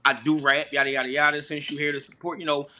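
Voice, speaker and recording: A man, a battle rapper, telling animated stories in a casual podcast chat, full of slang and "you know what I'm saying.". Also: a little high, fast, a little hiss or hum.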